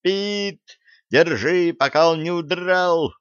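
A man voicing a feisty, mischievous young woman explorer who talks in a bold, excitable, cheeky way. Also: mid-range voice, unhurried, no room sound. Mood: excited. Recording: dry, slightly dull audio.

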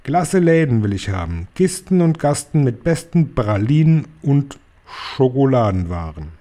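A man's voice: medium pitch, very animated, measured pace, warm tone, voice pushed up. A man reading a story aloud, voicing a tiny, furious female witch leader who shrieks and barks orders. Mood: domineering.

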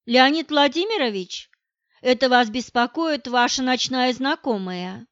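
A woman's voice: fairly high pitch, lively intonation, a little slow, clear, resonant tone, no room sound, muffled recording. A woman reading the lines of a confident, coquettish young woman in an audiobook, in a sweet, coaxing manner.

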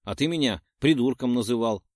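A man reading aloud and voicing a cocky young man who boasts and teases loudly. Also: medium pitch, a little fast, dry recording, clean studio sound, lightly acted. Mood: boastful, teasing. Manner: boastful, loud. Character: cocky young man gloating over winnings.

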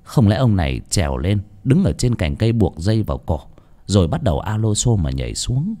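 A man's voice: on the low side, sing-song, fairly quick, warm tone. A man narrating a horror audiobook in a dramatic, tense storytelling manner.

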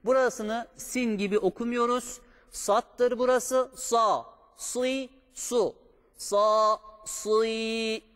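A man teaching Quran recitation step by step, patiently correcting pronunciation and drawing out each example in a slow chant. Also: high-pitched, long reverb tail.

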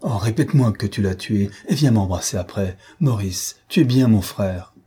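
A man's voice: fairly low pitch, animated, normal speed, dark tone, breathy edge. A man voicing a dying nobleman, bitter. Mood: feverish. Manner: mournful, declamatory, grows fierce. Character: dying bitter aging male nobleman, feverish.

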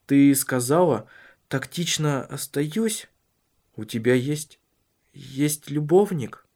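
A man voicing a calm, measured husband in an audiobook, speaking earnestly and carefully. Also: a little high, exaggerated voice. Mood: earnest, probing.

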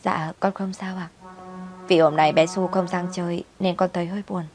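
A woman doing a soft, hurt young wife. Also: on the low side, flat delivery, normal speed, faint music behind, natural voice. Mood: subdued. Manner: soft, subdued.

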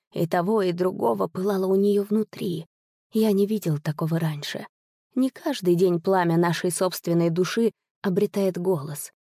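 A woman reading a literary story aloud in a measured, expressive audiobook narration. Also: fairly low pitch, dry recording, studio quality.

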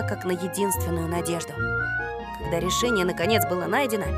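A woman reading a children's storybook aloud as scripted narration, even and expressive. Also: fairly low pitch. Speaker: audiobook reader.

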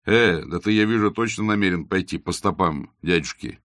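A man's voice: low voice, normal speed, a bit bright, dry recording, studio quality. A man voicing a scornful young nihilist who talks in curt, sarcastic jabs. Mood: mocking.

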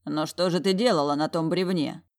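A stern, commanding dragon general, read by a woman in a storybook reading. His lines stay calm and measured, in her own fairly low voice. He gives orders as if no one would question them. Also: lightly acted.

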